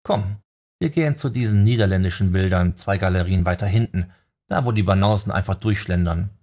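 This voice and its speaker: A man's voice: low voice, fairly quick, darkish tone. A man voicing a wry, charming male magician and writer in an audiobook. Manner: wry, teasing.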